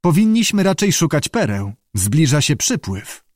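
A man's voice: on the high side, big pitch swings, moderate pace, darkish tone, no room sound, studio quality, voice pushed up. A man voicing a soothing, flowery young American man.

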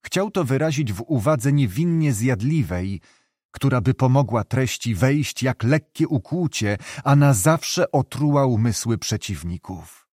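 Measured male audiobook narrator. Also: mid-range voice, dry recording, clean studio sound. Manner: measured, even reading. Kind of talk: scripted literary narration.

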